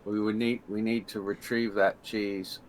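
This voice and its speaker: Guy playing a tabletop rpg, slow lowish voice, kinda formal and stiff but casual. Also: flat delivery, low-quality recording. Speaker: tabletop game player. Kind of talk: casual role-play.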